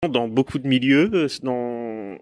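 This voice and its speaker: A man's voice: medium pitch, measured pace, a little mellow, dry recording. Chatty male host, dry close sound. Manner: joking, repeats words while thinking. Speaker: interviewer, host. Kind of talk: casual interview hosting.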